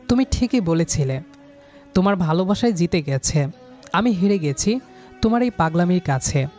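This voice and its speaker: This first-person romantic tale is told by a man whose voice is high and dark-toned. He narrates dramatically and with real emotion and earnestness while music plays behind him.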